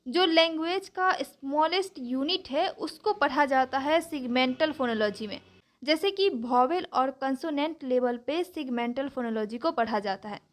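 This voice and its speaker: Woman with a high voice teaching a lesson, careful steady explaining. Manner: slow, careful explanation with spelled-out example words.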